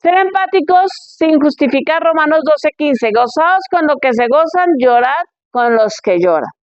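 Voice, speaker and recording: A woman's voice: high-pitched, animated, moderate pace, darkish tone, dry recording, muffled recording. A woman pastor giving a conference sermon in a conversational way, firing rhetorical questions at her listeners.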